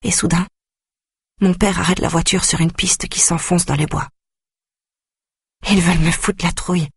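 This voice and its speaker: Man reading a dark audiobook, grave and intense, breathy husky voice, dry close sound. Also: high-pitched, steady tone, moderate pace, dry recording. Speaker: audiobook narrator. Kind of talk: first-person audiobook narration.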